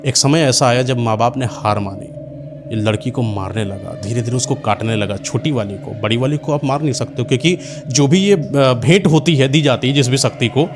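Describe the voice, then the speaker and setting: A man narrates a horror tale with intense, dramatic storytelling, sometimes repeating words to build suspense. His voice sits at an ordinary male pitch, and soft music plays quietly under him. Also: brisk.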